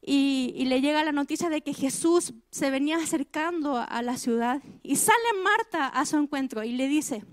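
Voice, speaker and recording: A woman preaching with a high voice. She puts direct questions to her listeners and drives points home by repeating phrases. The recording is close and dry. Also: animated, moderate pace, few pauses, no echo. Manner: emphatic, repeats key phrases. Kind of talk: sermon.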